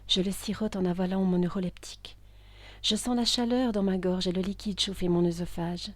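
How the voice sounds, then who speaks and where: A woman narrating a first-person story in a hushed, intimate voice that is often whispered, with tense outbursts. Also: mid-range voice, fairly even intonation, normal speed, no room sound.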